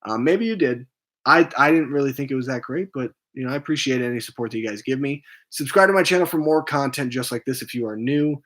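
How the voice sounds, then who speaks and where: A man's voice: medium pitch, lively intonation, fast, fairly bright tone. A man hosting a casual game stream for his movie channel, rambling with lots of ums and restarts and sounding tired. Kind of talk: casual gaming stream chat.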